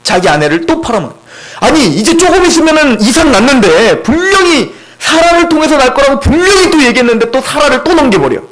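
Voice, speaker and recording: A man preaching an expository sermon as pastor, in an animated, conversational way full of rhetorical questions, in a church. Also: very high voice, quick pace, low-quality recording. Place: church sanctuary.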